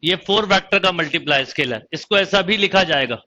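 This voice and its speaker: A man's voice: high-pitched, lively intonation, brisk, sharp tone, lo-fi sound. A man teaching a math lesson online, explaining step by step and quizzing his students as he goes. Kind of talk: online exam-prep lecture.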